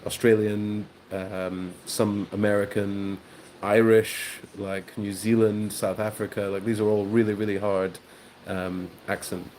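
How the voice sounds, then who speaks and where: A man hosting a live stream, chatting casually with viewers in a relaxed way, with frequent ums and soft laughs. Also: fairly low pitch, a little slow, slight background noise. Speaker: host of a live watchalong stream.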